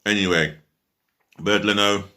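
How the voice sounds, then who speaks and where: A man with a low, forceful and bright voice gives a rambling fan review of a football match. He is blunt, swears freely and fills his talk with ums, now and then speaking through a mouthful of food. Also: fairly even intonation, measured pace. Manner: talks while eating. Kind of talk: casual match review vlog.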